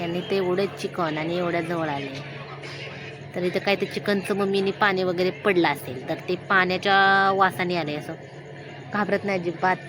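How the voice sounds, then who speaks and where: A woman's voice: on the low side, background noise. A woman in her thirties from Maharashtra, chatting casually to the camera as a vlogger at a village home in the evening, talking to her viewers and family as she goes. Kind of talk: casual vlog chat. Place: outdoors at a village home by a wood stove, evening.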